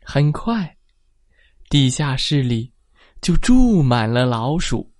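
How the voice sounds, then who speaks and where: A woman reads a bedtime story to children in a gentle, sing-song way. Her voice sits low but swoops lively up and down, and she takes it slowly. The recording is dry and close. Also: no room sound.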